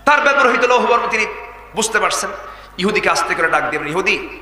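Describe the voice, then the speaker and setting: Male preacher, fiery storyteller, bright edge, reverberant PA sound. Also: high-pitched, big pitch swings, quick pace. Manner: storytelling, rousing the crowd to respond aloud. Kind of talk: fiery Bengali waz sermon. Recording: public address with echoey long hall reverb.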